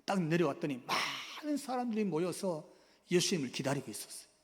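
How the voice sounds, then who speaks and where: Male pastor, sermon delivery, high and very animated voice, long reverb of a church hall. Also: quick pace. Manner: dramatic swings from loud outbursts to near whispers. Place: church sanctuary.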